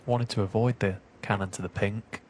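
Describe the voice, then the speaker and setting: A man giving hushed, measured snooker commentary in an analytical, unhurried, low-key way. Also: steady tone. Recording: broadcast with clear background noise.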